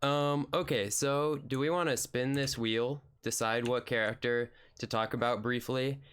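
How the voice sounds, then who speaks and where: A man in his early twenties hosting a casual gaming podcast, easygoing and quick to laugh. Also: medium pitch, fairly even intonation, fairly bright tone, clean tone. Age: 20s. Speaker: podcast host.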